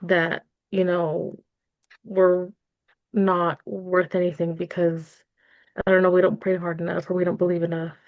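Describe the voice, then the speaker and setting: A dry, slightly dull recording of a woman with a lowish voice. She speaks as a client in a therapy role-play, casually and a little hesitantly, with an informal, filler-heavy way of talking. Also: level tone, measured pace, no room sound. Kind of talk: casual, unscripted conversation.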